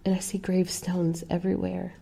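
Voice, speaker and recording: A woman tells a first-person horror story in a slow, gravelly voice that often drops into a whisper. Her tone is dark and low. She lets every sentence hang. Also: monotone.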